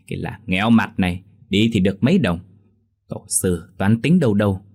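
A man's voice: fairly low pitch, sing-song, moderate pace, darkish tone, breathy edge, full character voice. A man voicing a stingy, bad-tempered middle-aged village man who grumbles and scolds. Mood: scheming.

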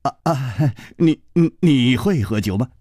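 A man's voice: mid-range voice, expressive, measured pace, dark tone, husky, dry recording, clean studio sound. A man voicing a charming young swordsman who stammers and answers with good humour. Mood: flustered.

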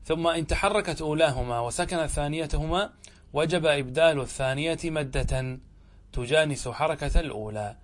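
A man teaching a lesson on Arabic grammar, explaining rules step by step, asking questions and answering them himself, and drawing out example words slowly. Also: a little high.

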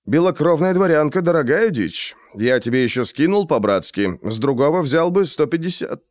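A man voicing a calm mercenary assassin who haggles over the price of a killing, in an audiobook. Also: fairly high pitch, moderate pace, dry recording, studio quality, pitched above the performer's own voice, lightly acted. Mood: calm haggling.

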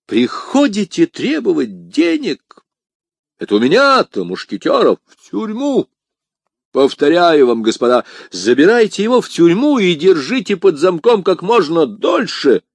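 A man playing a bold, cunning young musketeer who declaims loudly and brashly. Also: on the high side, dry recording, voice pushed up, exaggerated voice. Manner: loud, brash, theatrical declaiming.

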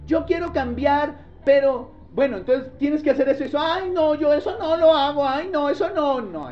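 A man preaching a sermon as pastor, swinging from quiet low asides to loud pleading outbursts and acting out the voices of people he describes. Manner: acts out the doubter's and the seeker's voices himself. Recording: dull lo-fi recording.

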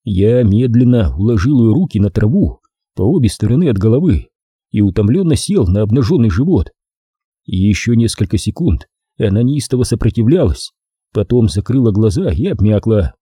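A man reading a crime novel aloud as the narrator, in an expressive, measured storytelling manner. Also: on the low side, slightly rough, no room sound, studio quality. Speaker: audiobook narrator. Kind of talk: dramatic audiobook narration.

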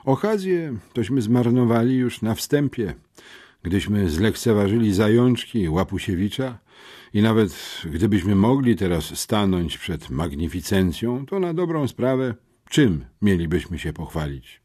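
A man's voice: lowish voice, expressive, measured pace, dark tone, pitched above the performer's own voice. A man voicing a determined, curt teenage schoolboy detective in an audiobook, speaking firmly. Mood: earnest. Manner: stern, curt.

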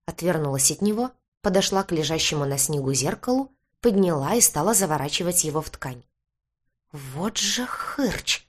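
Sex: woman. Role: audiobook narrator. Style: first-person fiction narration. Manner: wry and lively. Pitch: somewhat low. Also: brisk, hardly any pauses.

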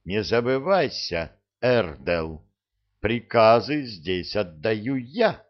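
A man's voice: lowish voice, animated, slow, highs cut off. A man voicing a haughty elf lord who barks commands. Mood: imperious. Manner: barking orders, imperious.

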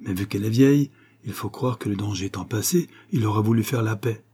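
A crafty young swindler, as a male reader puts him on in a storybook reading, firing off short, stern questions. The low, husky voice stays dark throughout. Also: brisk. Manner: brief, severe questioning.

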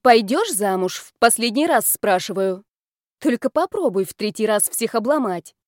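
A woman voicing a blunt, bossy young female friend who scolds and teases in a loud, pushy way. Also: fairly high pitch, expressive, moderate pace, no echo, studio quality, close to an everyday voice.

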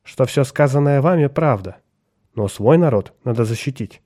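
A man's voice: mid-range voice, expressive, normal speed, dark tone, lightly acted. A man reading an audiobook, voicing a dutiful interpreter who relays an alien captain's words in a subdued, formal way.

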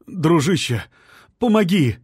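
A man's voice: a little high, very animated, slow pace, a little mellow, slightly rough, no room sound, studio quality, pitched above the performer's own voice, heavily acted. A man voicing a desperate young husband begging for help in an audiobook scene. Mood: pleading. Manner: pleading, panicky.

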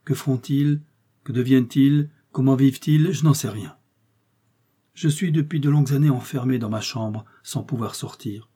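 A sick, sorrowful mother shut away in her room, as a male reader puts her on, confessing her grief in a low, mellow, slightly husky voice. She sounds fearful and worn down, in an audiobook story. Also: normal speed, close to an everyday voice. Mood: anguished. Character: bedridden sorrowful old mother, frightened.

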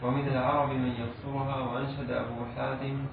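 Man reading a classical text aloud in a flat, steady voice, far from the mic, echoey and tinny with hiss. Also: mid-range voice, fairly quick, creaky. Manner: reads steadily in classical Arabic. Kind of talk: formal recitation of a classical text.

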